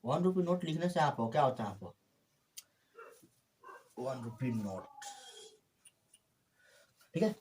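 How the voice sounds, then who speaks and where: A man tutoring English grammar, his voice lively and swinging up and down as he stresses each example. His pitch sits a little high for a man. He repeats key words and talks to viewers as his friends. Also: fast talker, hardly any pauses, a little hiss or hum. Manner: repetitive, addresses viewers as friends. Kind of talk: classroom grammar lesson.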